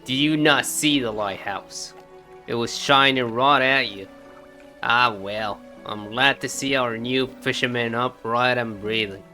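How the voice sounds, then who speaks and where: A man putting on a slow, drawling harbor master. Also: mid-range voice, pushed and bright, faint music behind. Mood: welcoming. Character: fussy short harbor master man, mixed accent.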